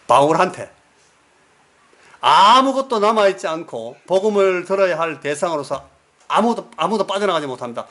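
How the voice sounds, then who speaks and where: A male pastor preaches a sermon in a mid-range, fairly bright voice. He tells stories, puts questions to the congregation and repeats words for emphasis.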